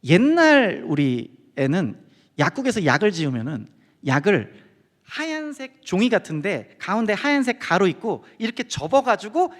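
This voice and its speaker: A middle-aged man giving a testimony sermon as guest speaker, telling his story with animated storytelling and acting out quoted friends. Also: high voice. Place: church sanctuary. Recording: long hall reverb.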